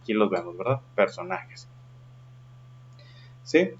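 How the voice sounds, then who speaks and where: A man's voice: low voice, lively intonation, slow pace, slight background noise. A man teaching a lesson patiently and often checking in with his listeners, in a slightly dull recording. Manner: patient, checks in with frequent questions. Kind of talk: explaining a lesson.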